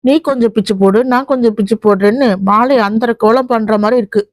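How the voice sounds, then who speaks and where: A frank younger sister, read by a woman narrator scolds her older sister with blunt jokes. Her voice is fairly high. The recording is dry and close. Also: fairly even intonation, a little fast, dry recording, close to an everyday voice. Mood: teasing scolding.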